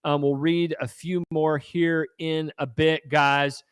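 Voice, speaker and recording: A man's voice: fairly high pitch, flat delivery, slow pace, smooth. A man hosting a fiery advocacy livestream, combative and rallying. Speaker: gun rights advocacy host.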